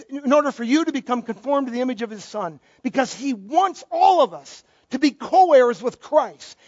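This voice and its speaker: A man's voice: very high voice, dry recording. A middle-aged male pastor giving a conversational sermon with joking asides. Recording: dull, dry lo-fi recording.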